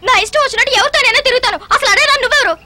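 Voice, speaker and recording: A woman's voice: very high voice, racing, background noise. An actress playing a defiant, taunting young woman in a dubbed film. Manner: taunting and sharp-tongued. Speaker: film character.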